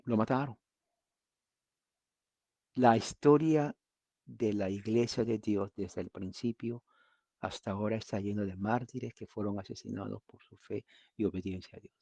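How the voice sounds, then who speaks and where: A man preaching a sermon as pastor, telling stories in a lively way and acting out the quotes. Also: lowish voice, creaky, breathy edge, no room sound.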